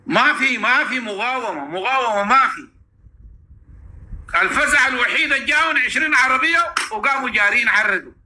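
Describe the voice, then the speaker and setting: A man with a Sudanese Arabic accent giving a fervent, celebratory monologue, repeating phrases, taunting and at times shouting. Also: very high voice, lively intonation, a little fast. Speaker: political commentator.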